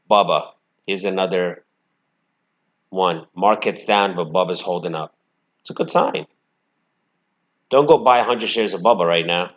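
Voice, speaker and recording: A man's voice: fairly low pitch, a bit bright. A man hosting a trading channel, giving live, brash commentary on his stock trades, swinging between emphatic outbursts and muttered asides.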